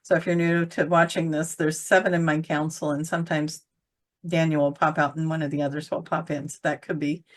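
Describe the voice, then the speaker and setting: A woman's voice: deep voice, little pitch movement, fairly quick. A woman in casual conversation about spiritual channeling, rambling and searching for words with many fillers. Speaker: channeler co-host.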